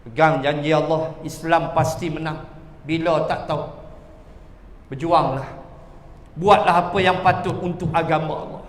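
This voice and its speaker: A man's voice: on the high side, steady tone, unhurried, long pauses. A male preacher giving a sermon, chanting verses and then explaining them, in a mosque hall. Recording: echoey hall reverb.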